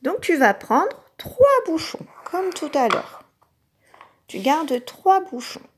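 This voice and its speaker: A woman teacher giving a recorded lesson to young children, speaking patiently and sounding out each syllable clearly. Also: high voice, sing-song, slow pace, a little hiss or hum. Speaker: kindergarten teacher.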